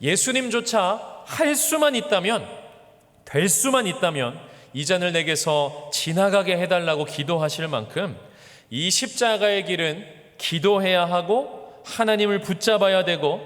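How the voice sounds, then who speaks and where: A male pastor delivering an earnest sermon, his voice swinging between raised emphasis and quiet low endings. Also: expressive, unhurried, in a large hall. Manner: earnest preaching with wide swings in pitch and loudness. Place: church sanctuary.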